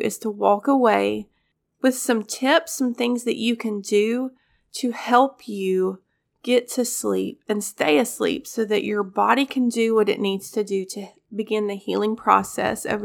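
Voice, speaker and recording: Congested, gravelly woman host. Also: medium pitch, a bit bright. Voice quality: scratchy. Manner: earnest, encouraging. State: congested, getting over a cold. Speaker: podcast host. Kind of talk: faith-based podcast talk.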